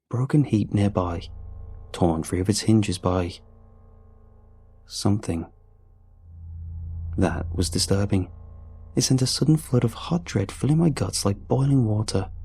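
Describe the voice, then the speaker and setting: A man reading a scripted horror story aloud in a slow, hushed and deliberate manner. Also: on the low side, animated, breathy edge. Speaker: narrator.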